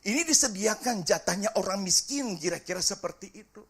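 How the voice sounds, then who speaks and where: A middle-aged man, a pastor preaching a sermon and telling a family story with lively acted-out dialogue. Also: high voice, a little fast, slightly rough. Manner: animated storytelling, acts out family dialogue, sings briefly.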